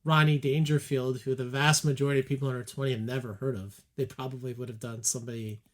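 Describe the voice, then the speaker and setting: A man's voice: medium pitch, flat delivery, fast talker. A man co-hosting a film podcast, chatting animatedly with lots of fillers. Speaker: podcast co-host. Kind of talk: casual film discussion.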